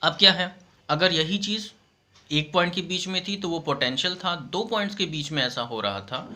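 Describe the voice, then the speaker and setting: A man teaching a school science lesson, explaining patiently, mixing in English and reading textbook definitions slowly. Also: a little high, lively intonation, sharp tone. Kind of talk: online classroom lesson.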